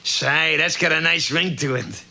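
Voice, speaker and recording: A man's voice: a little high, measured pace, vocal fry, bright, forceful tone, full character voice. A man voicing a smug, languid cartoon Prince Charming with a suave drawl. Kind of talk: exaggerated cartoon voice acting.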